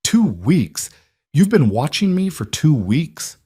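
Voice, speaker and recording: A worn-out young frontier widow , voiced by a man lifting his pitch high, her words breaking as she pleads. She sounds raised and pressed, fear in every line of a storybook reading. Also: sing-song, takes it slowly, darkish tone, husky, full character voice. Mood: questioning. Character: exhausted frightened young widow.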